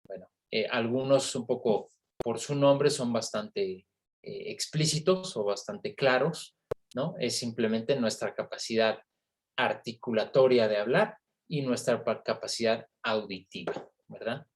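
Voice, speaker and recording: A man's voice: mid-range voice, a little slow. Man lecturing, with frequent tag questions. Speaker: university lecturer. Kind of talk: online lecture.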